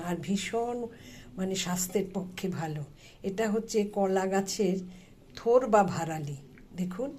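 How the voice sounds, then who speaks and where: A woman hosts a casual cooking demonstration in her home kitchen, chatting through each step as she cooks. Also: lowish voice. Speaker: cooking channel host. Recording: loud kitchen frying noise. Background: sizzling frying and clattering pots.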